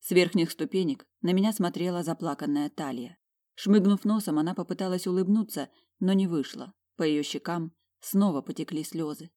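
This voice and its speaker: A woman with a fairly low voice narrates a first-person story as an audiobook. Her reading is emotional and inward, and she leans into the narrator's feelings. The delivery stays steady and measured.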